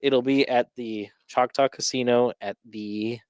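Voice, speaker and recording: A man with an ordinary mid-range voice talks in a relaxed, joking way, reading out messages and event details. The recording is dry and close. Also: mid-range voice, unhurried, smooth, no echo. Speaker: co-host. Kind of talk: casual chat and announcements.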